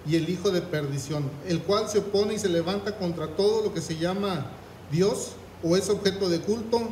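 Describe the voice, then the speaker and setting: A man's voice: high voice, darkish tone, roomy sound, a little hiss or hum, rough recording. A man preaching a sermon, reading scripture aloud and asking the congregation questions. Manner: reads scripture aloud, asks the congregation "¿qué?".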